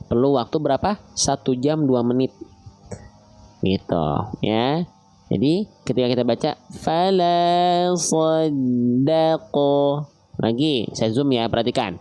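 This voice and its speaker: A man teaching Quran recitation online, slowly repeating and drawing out recited phrases and asking his listeners questions. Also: medium pitch, warm tone. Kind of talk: online tajwid lesson.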